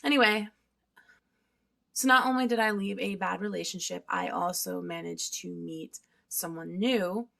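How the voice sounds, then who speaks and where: A woman's voice: fairly low pitch, moderate pace, gravelly, hardly any pauses, fairly bright tone. A thirty-year-old woman vlogging in a chatty, candid way, swearing freely and eating while she talks at home. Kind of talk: casual confessional vlog.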